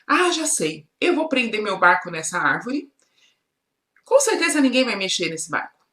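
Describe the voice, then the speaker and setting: An excitable, curious little boy from a children's story, as a Brazilian woman puts him on. His voice is high and bright and climbs into a wail when he is upset. The room around him rings with echo. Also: moderate pace. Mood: excited.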